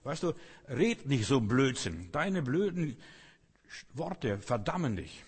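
A man's voice: medium pitch, sing-song, slow pace, a little mellow, husky. A man preaching a sermon with emphatic repetition, sometimes acting out complaining voices. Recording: long hall reverb.

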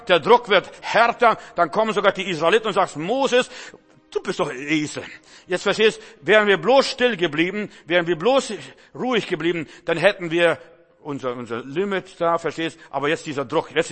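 A man's voice: a little high, fairly bright tone. A man preaching a sermon with emphasis, often repeating words and speaking straight to the listener. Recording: reverberant hall with faint music.

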